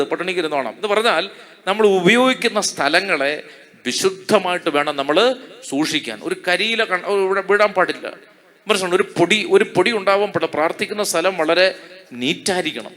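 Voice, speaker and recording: A man preaching with a Malayali accent, his voice fairly high and bright, ringing out over the congregation. He repeats his points, fires off rhetorical questions and keeps pulling the crowd in to answer hallelujah. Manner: call-and-response preaching, asks the crowd to say hallelujah. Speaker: priest. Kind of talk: sermon.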